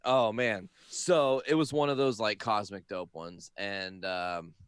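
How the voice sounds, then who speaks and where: A man's voice: on the low side, slow, clear, resonant tone, dry recording, clean studio sound. A man co-hosting a podcast who tells a childhood story casually, swearing now and then. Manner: relaxed, swears casually, acts out quotes. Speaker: podcast co-host, parent.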